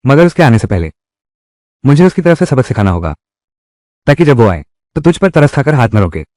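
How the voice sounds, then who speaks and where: A man's voice: medium pitch, very animated, fairly quick, a little mellow, dry recording, close to an everyday voice. A man dubbing a menacing tough guy in a revenge drama, with a threatening, confrontational delivery in a close studio recording. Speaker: dubbing voice actor. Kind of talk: Hindi dub of a live-action drama.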